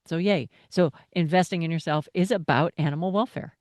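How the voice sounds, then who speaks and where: A woman's voice: on the low side, brisk, a little mellow, no echo, studio quality. A woman hosting an interview podcast in an upbeat, encouraging way. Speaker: podcast host.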